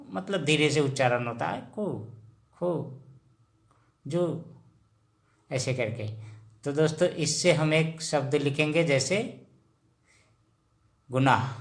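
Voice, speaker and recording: Slow, deliberate man drilling syllables. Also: medium pitch, fairly bright tone. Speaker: teacher. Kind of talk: slow spoken language lesson.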